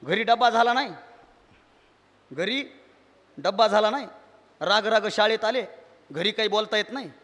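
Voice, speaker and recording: Animated man in echoey hall. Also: high-pitched, moderate pace, long pauses. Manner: animated storytelling, acts out voices of father and teacher. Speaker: speaker addressing teachers. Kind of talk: storytelling speech to an audience. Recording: echoey hall with long reverb.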